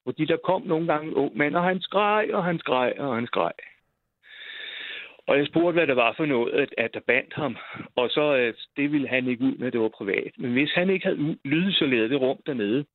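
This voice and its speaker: Over a tinny phone line with no echo, an older man speaking at medium pitch rambles through a personal story. He hesitates a lot and repeats words in this casual storytelling.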